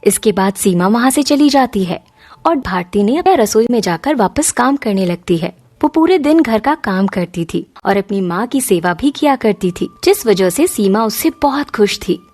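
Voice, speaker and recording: A woman narrating a moral cartoon story in an even storytelling manner. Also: mid-range voice, normal speed, faint music behind.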